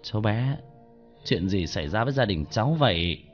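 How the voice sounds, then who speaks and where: A man plays a kindly villager in a spoken ghost story, gently coaxing a grieving child to eat. The voice stays close to the storyteller's own, plain and soft-spoken. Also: on the low side, animated, normal speed, dull audio, faint music behind, natural voice. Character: kindly middle-aged male villager.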